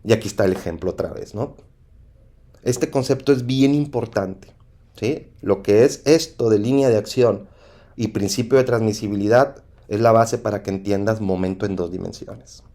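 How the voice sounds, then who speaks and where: A man with a Mexican accent teaching an engineering lesson over slides, often pausing with "¿sí?" to check understanding. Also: on the low side, warm tone. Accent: Mexican Spanish. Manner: repetitive, asks "¿sí?" to check understanding. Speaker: engineering instructor.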